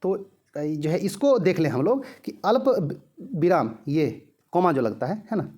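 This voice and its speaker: A man teaching grammar for an exam-prep class, his voice sitting somewhat high. He peppers his talk with filler phrases, asks questions and answers them himself, and slows to repeat his examples. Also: very animated, darkish tone. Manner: heavy use of filler "jo hai", rhetorical questions answered himself; repeats example sentences slowly.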